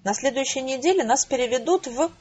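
A wry young soldier writes home to his mother in an easy, cheerful tone, as a woman reads his letter aloud. The voice is husky and a little high. The recording is dull and lo-fi. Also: expressive, brisk, a little mellow.

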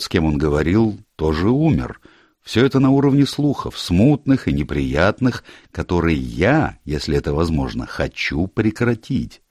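A man's voice: low voice, a little mellow, dry recording, studio quality, heavily acted. A man voicing a tired, cautious older lawyer in an audiobook, probing and careful in his questions. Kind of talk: audiobook character reading.

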